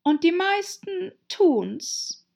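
A woman voicing a harsh, bossy noblewoman with a hoarse growl, snapping her words out rudely in an audiobook. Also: extremely high pitch, very animated, darkish tone, voice pushed up, exaggerated voice. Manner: snappish, rude, drawn-out words. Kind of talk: audiobook character voice.

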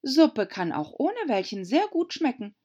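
A woman's voice: a little high, big pitch swings, a little slow, warm tone, husky, highs cut off, voice pushed up, heavily acted. A woman voicing Alice, a polite and thoughtful young girl, speaking earnestly. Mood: musing.

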